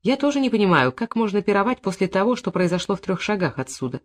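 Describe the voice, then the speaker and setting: A reader voicing a young woman who is sharp-tongued and accusing, with a biting, scornful delivery. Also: mid-range voice, sing-song, quick pace, close to an everyday voice. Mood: sarcastic.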